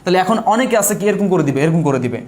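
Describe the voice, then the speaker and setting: High-voiced man teaching step by step. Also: animated, very fast, darkish tone. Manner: repetitive, asks questions and answers them himself; explains step by step while writing. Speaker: exam prep teacher. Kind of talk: live online lesson.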